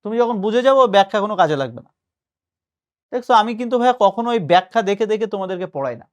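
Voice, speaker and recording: A man's voice: sits high, animated, rapid-fire, clear, resonant tone. A male tutor giving a patient spoken lesson, explaining and mixing in English words. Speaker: admission test tutor.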